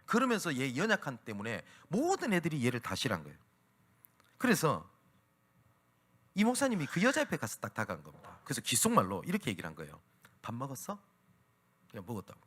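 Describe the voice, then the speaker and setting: Animated male pastor preaching with sweeping pitch. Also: fast talker. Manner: animated preaching, acting out quoted speech. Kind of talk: Sunday sermon. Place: church worship service.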